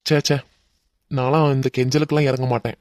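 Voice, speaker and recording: A man's voice: medium pitch, flat delivery, fast talker, darkish tone, no room sound, clean studio sound, natural voice. A man voicing a hot-tempered young man who mocks and threatens a crook, with a Kanyakumari Tamil accent, in a cartoon. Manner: threatening, mocking.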